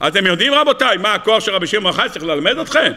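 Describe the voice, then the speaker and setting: A rabbi giving a humorous Torah lecture, telling stories in an animated, jokey way and acting out the characters. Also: male voice, sits high. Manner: animated, jokey, acts out voices.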